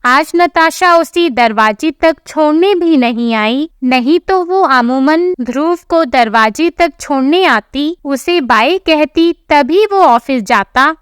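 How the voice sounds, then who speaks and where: A woman with a high voice tells a household tale in a slow, measured read. The sound is close and very dry. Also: no echo. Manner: even, storytelling. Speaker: narrator. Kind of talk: scripted storybook narration.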